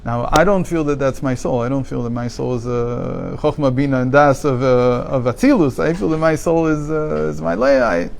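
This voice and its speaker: A man's voice: mid-range voice, normal speed, creaky, hardly any pauses, slight background noise. A man teaching a daily religious text class, reading passages aloud, translating them, and explaining them with rhetorical questions.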